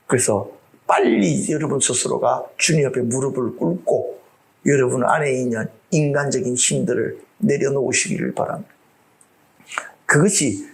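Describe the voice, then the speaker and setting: A man from South Korea preaching a sermon to his congregation. He swings between loud outbursts and whispered asides and acts out the voices he quotes. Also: mid-range voice, creaky. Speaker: pastor. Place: church before a live congregation.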